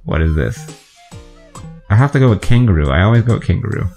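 Deep-voiced guy doing let's play commentary, chatty, guessing out loud, faint game music behind. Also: lively intonation, quick pace, creaky. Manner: chatty, guessing aloud and talking to himself. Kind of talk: gameplay commentary.

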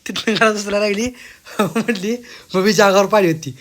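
एक माणूस कुटुंबाचा व्हिडिओ करताना गप्पा मारतो आणि मुलीला खोटं बोलते म्हणून गंमतीने चिडवतो, Marathi लहेजा. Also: male voice, high-pitched, moderate pace, a bit bright. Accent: Marathi. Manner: teasing, playfully accusing. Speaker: father filming a family video. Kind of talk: casual family banter.

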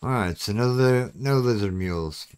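Casually talking viewers through his gameplay, this channel host has something clogging his throat. His voice is on the low side, darkish and smooth, expressive and at normal speed.

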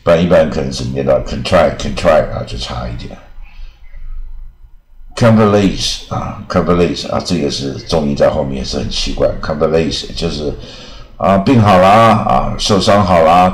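A man from Taiwan teaching English pronunciation in a casual recorded lesson, repeating words slowly and tagging phrases with drawn-out fillers. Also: extremely low pitch, reverberant. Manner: drawn-out repetitions with frequent "啊" fillers.

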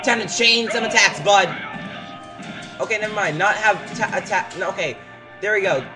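A gameplay commentator excitedly cheering on a computer-controlled fighter, with frequent hyped outbursts. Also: mid-range voice, normal speed. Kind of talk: excited let's-play commentary. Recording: game music loud behind voice. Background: game music.

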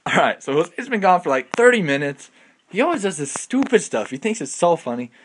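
A man's voice: on the high side, sing-song, brisk, a little hiss or hum. A young man acting in an amateur found-footage horror short, rambling nervously and repeating himself. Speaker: student actor in a homemade horror short.

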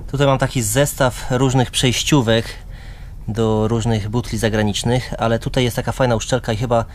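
A man's voice: medium pitch, fairly even intonation, normal speed, slight background noise. A man vlogging at a campsite, explaining each step to his viewers in a casual, chatty way. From Poland. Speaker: vlogger and father. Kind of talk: casual how-to vlog narration. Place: outdoors at a campsite beside a caravan.

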